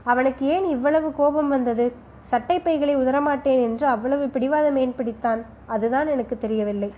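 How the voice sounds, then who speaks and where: A woman's voice: high-pitched, moderate pace, highs cut off, lightly acted. A woman voicing a playful young man who talks in a joking, light way. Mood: teasing, puzzled.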